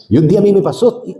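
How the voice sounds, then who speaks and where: A middle-aged man preaching a sermon as pastor, animated, with sudden high swoops and chatty asides. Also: background noise. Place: church sanctuary. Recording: long hall reverb.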